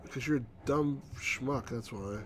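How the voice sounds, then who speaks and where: A man's voice: mid-range voice, measured pace. A middle-aged man giving casual commentary as the host of a let's play. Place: small room at home, indoors. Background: faint game music.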